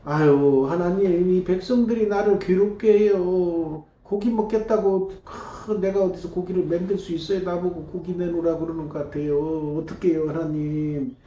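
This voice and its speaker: A man's voice: high voice, fairly even intonation, moderate pace, hardly any pauses, mellow, highs cut off, a little hiss or hum, natural voice. A man voicing an exhausted male prophet who complains to God and pleads for help. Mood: pleading. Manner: pleading, complaining, asks for agreement. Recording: echoey church room.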